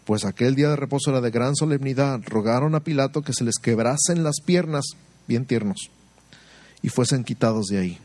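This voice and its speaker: A man's voice: mid-range voice, a little fast, darkish tone. A man reading a Bible passage aloud, adding sarcastic asides to his listeners. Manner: reads steadily, with sarcastic asides.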